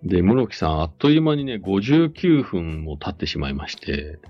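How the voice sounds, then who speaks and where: Lively, low-voiced male radio host, lo-fi. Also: normal speed, husky. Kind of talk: casual live chat. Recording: dull lo-fi audio, faint music behind. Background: faint music.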